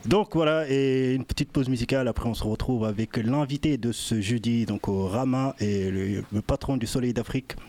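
Hoarse radio host. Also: male voice, medium pitch, moderate pace, few pauses, mellow. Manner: casual, short acknowledgments. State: losing his voice. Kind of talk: radio talk show.

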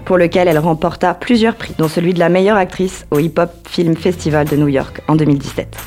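A woman's voice: sits low, darkish tone. A young woman presenting a scripted radio music column, talking to her listeners directly and with enthusiasm. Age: young adult.

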